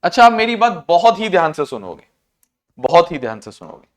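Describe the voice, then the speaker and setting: A man teaching a class, repeating key terms, slowing down to dictate definitions and quizzing students on what was just said. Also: sits high, big pitch swings. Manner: slows to a dictation pace for English definitions; addresses students as children. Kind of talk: classroom lecture.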